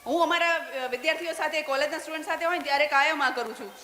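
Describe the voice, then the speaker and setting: Female motivational speaker, high voice, questions the audience, roomy echo. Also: racing, a crowd in the background. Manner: asks the audience questions, then answers. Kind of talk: talk to an audience. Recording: echoey hall with long reverb.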